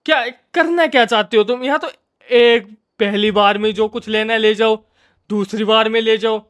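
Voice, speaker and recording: A man's voice: high-pitched, steady tone, normal speed, a bit bright, clear, resonant tone. A man giving casual, jokey commentary while playing a game, playfully scolding the characters on screen. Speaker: gamer.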